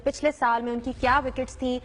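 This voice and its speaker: A woman news anchor questioning a reporter live with crisp, probing questions. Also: high voice, level tone, fairly bright tone, big-room sound.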